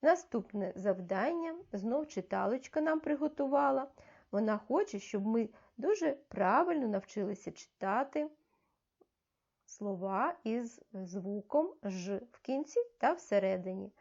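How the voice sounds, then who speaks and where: Slow, careful woman teacher. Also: a little high, lively intonation, a little mellow. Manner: slow, clearly articulated, coaxing instructions. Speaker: primary school teacher. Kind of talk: reading lesson for young children. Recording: dull, muffled lo-fi audio.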